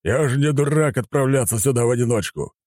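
A man voicing a furious, ruthless admiral who speaks slowly and thunders his words in an audiobook. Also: medium pitch, warm tone, dry recording, studio quality, voice pushed up, natural voice. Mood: commanding. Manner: slow, thundering, drawn-out delivery. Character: furious aging male admiral, booming and ruthless.

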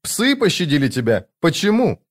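Pleading, whining twin gods, as a male narrator puts them on, raised well above his own voice. They sound frightened and beg in thin, high tones from a fantasy audiobook. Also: normal speed, natural voice.

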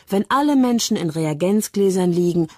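Woman reading a sharp, skeptical young sister. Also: lowish voice, expressive, normal speed, no echo, studio quality. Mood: cutting.

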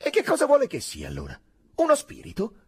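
A man's voice: huge pitch swings, unhurried, slightly rough, full character voice. A man doing an anxious young lieutenant. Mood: uneasy. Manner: agitated, hesitant, higher and louder.

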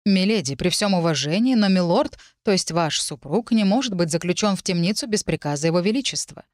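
Woman reading as a calm formal guard captain. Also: lowish voice, dry recording, clean studio sound, lightly acted. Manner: measured, formal. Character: composed fortyish male guard captain, authoritative.

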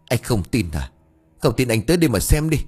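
A man voicing a grieving, furious older village man who shouts curses and mocks bitterly. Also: mid-range voice, very animated, brisk, breathy edge, faint music behind. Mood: bitter mocking.

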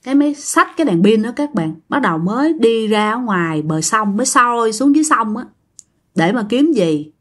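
A woman's voice: on the high side, animated, normal speed. Chatty Southern Vietnamese woman telling a ghost story. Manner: chatty, addresses listeners directly.

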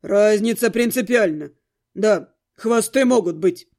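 A woman's voice: medium pitch, measured pace, a little mellow, voice pushed down, lightly acted. A woman voicing a grumpy, sarcastic male ghost who lives in a mirror and answers in curt, grudging replies. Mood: grumbling.

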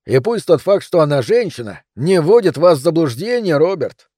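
A man voicing a gruff, wry police captain near retirement, speaking in a raised, louder voice with joking banter. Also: fairly high pitch, big pitch swings, moderate pace, dry recording, clean studio sound, voice pushed up.

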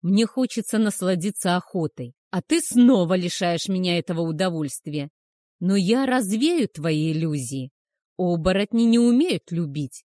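A woman's voice: fairly low pitch, lively intonation, moderate pace, dry recording, studio quality, natural voice. Woman voicing a menacing werewolf man. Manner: harsh, menacing, loud. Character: cruel brooding male werewolf hunter.

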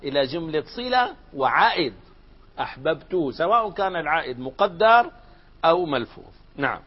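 A man's voice: a little high, husky. A man teaching a grammar lesson, putting questions to his class and answering them himself, shifting between formal and colloquial speech. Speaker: sheikh teaching Arabic grammar. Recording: dull lo-fi lecture recording.

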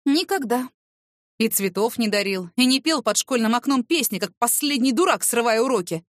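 A woman's voice: a little high, big pitch swings, a little fast, no room sound. Woman doing a furious bossy man, snappy and sarcastic, dry close sound. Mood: accusing. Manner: barking, accusing, sarcastic. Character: angry man, domineering snobbish boss.

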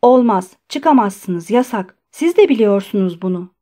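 A woman reader voicing a gruff male guard who answers curtly and firmly. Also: high voice, animated, a little slow, mellow. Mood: stern. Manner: curt, stern, firm. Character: gruff male asylum guard, curt and stern.

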